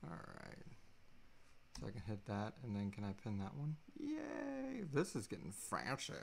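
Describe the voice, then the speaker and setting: In a small room at home, a man in his thirties hosts a live Q&A at a computer mic, joking and chatting off the cuff. His voice is fairly low and creaky with huge pitch swings, a little slow, and there's a faint hiss or hum.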